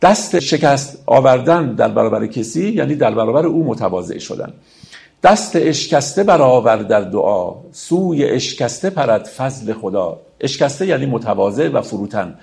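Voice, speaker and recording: Male lecturer with a gravelly voice, explaining poetry to his audience. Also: medium pitch, a little mellow. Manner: explanatory, addresses listeners as friends, recites verses.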